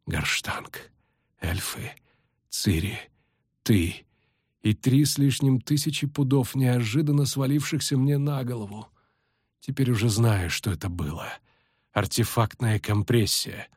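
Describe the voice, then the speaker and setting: A male reader voicing an exhausted, sardonic sorceress who speaks low, strained and muttering. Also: a little slow, a little mellow, breathy edge, no room sound, clean studio sound. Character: battered weary sardonic sorceress woman.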